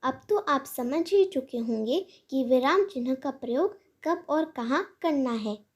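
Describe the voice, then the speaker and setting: Slow, high-voiced woman teaching grammar. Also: lively intonation. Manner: measured, clearly paced recitation of rules and examples. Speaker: channel host teaching Hindi grammar. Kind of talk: slow scripted grammar lesson for children.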